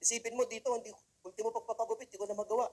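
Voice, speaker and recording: A man's voice: very high-pitched, flat delivery, racing, darkish tone. A man from the Philippines giving a humorous talk to students, telling comic stories and speaking straight to the audience. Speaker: motivational speaker.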